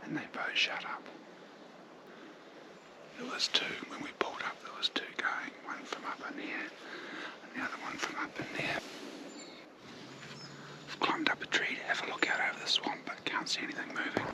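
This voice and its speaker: A man's voice: moderate pace, pauses often, rough recording. Whispering man. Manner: hushed whispering. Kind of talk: whispered vlog commentary. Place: outdoors in bush by a swamp.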